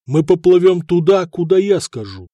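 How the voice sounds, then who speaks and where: A man voicing a ruthless, bold warrior who became king, talking in a brash, commanding way in a high, loud voice. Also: big pitch swings, moderate pace, no echo, dull audio. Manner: brash, commanding, shouting orders.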